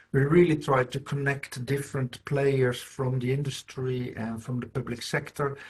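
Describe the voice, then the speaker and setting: Middle-aged man giving a conference talk. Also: mid-range voice. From Netherlands. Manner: earnest, explanatory, often restarting phrases. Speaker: conference speaker. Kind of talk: conference presentation.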